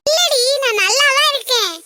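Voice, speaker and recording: Performer playing a cartoon young wife, tearful, evasive, high bright voice. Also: animated, a little fast, no room sound, full character voice. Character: tearful young married woman hiding her hurt. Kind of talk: cartoon voice acting.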